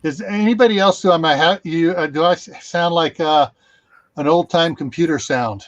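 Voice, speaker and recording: A man's voice: a little high, moderate pace, no room sound, muffled recording. A man hosting a casual livestream, rambling with many fillers and restarts, speaking over a video call. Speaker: livestream host.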